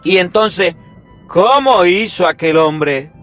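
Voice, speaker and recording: Speaking slowly, a high-voiced priest preaches his Sunday sermon with lively emphasis, challenging the congregation with rhetorical questions. Soft music can be heard faintly behind him.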